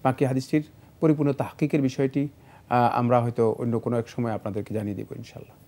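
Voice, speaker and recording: Man, scholarly studio answers, mellow warm tone, measured delivery with fillers. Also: medium pitch, flat delivery. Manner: measured, explanatory, many fillers. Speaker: Islamic scholar answering questions. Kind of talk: studio Q&A explanation.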